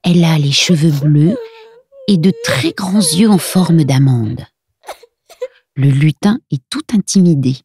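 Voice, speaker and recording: A woman narrating a children's Christmas story in a gentle, soft storytelling manner, recorded on a close mic. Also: low voice, sing-song, slow.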